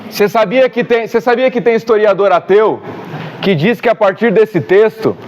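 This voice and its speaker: Brazilian guy teaching bible class, high voice, acts out the stories, bit of hiss behind. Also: moderate pace. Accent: Brazilian Portuguese. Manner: animated storyteller, acts out dialogue. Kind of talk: lively church teaching.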